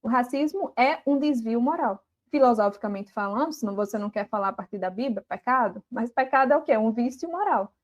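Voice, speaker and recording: A woman's voice: on the high side, animated, fairly quick, few pauses, lo-fi sound. A woman guest on a podcast, explaining earnestly with many filler words. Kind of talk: explaining in a live podcast chat.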